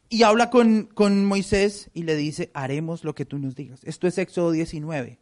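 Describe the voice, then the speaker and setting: A man preaching a sermon, animated and acting out the voices of the people he quotes. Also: high voice. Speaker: pastor.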